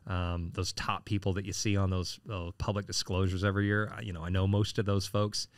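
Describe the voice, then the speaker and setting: Speaking a little fast in a low, level, smooth voice, a man in his late forties who is running for city council rambles through an interview, full of fillers and false starts. The recording is dry.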